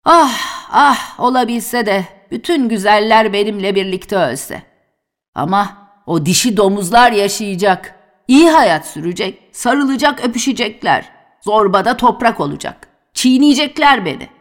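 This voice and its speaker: A woman voicing a boisterous, earthy old male workman in a dramatic novel reading, lively and exclaiming. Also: medium pitch, normal speed, close to an everyday voice. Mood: wistful.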